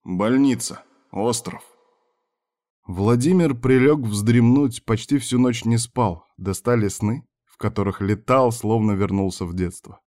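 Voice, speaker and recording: A man narrating an audiobook with steady storytelling. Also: medium pitch, a little slow. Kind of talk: scripted narration.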